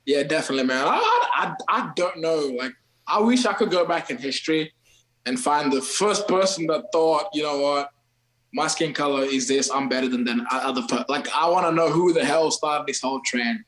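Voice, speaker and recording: A man's voice: a little high, expressive, moderate pace, a bit bright, roomy sound, rough recording. A man from Kenya, a guest on a podcast, talking loosely in slang and calling everyone bro and man. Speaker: podcast guest, TikTok creator. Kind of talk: casual podcast chat.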